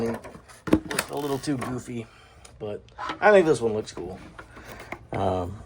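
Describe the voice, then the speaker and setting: A man's voice: medium pitch, creaky, heavy background noise. A man hosting his own toy review show, talking through an unboxing in a rambling, chatty way, often correcting himself with a chuckle. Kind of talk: casual unboxing chat.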